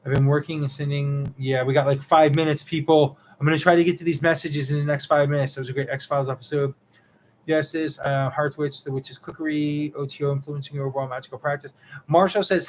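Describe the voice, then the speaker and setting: A man's voice: on the high side, fairly even intonation, fast, slight background noise, poor audio. Man rambling through chat questions. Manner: rambling, reads chat messages aloud, many ums. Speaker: co-host of a witchcraft live stream. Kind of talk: casual live Q&A, reading viewer comments.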